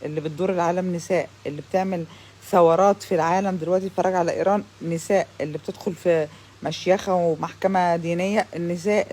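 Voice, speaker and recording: Speaking to the camera, a young woman with an Egyptian Arabic accent launches into a heated, sarcastic rant, now and then switching to English phrases. Her voice is fairly low and warm with a breathy edge.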